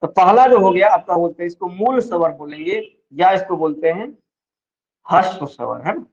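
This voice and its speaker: The male teacher's voice is high-pitched with lively intonation and a darkish tone as he lectures on vowels classroom-style, explaining slowly, stretching sample words, and often checking on his students' comprehension. The audio is dull and lo-fi.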